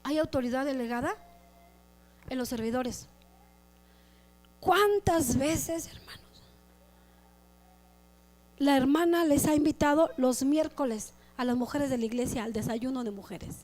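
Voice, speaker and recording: Woman pastor, high voice, lively preacher who slips into quick character asides. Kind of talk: sermon.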